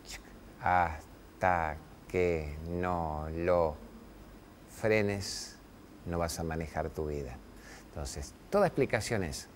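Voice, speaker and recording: A middle-aged man with an Argentine accent hosting a TV talk show, giving a motivational spiritual talk to camera with emphatic, preachy delivery and long pauses on key words. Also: deep voice, a little mellow, slight background noise. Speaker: TV show host. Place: TV studio with camera crew.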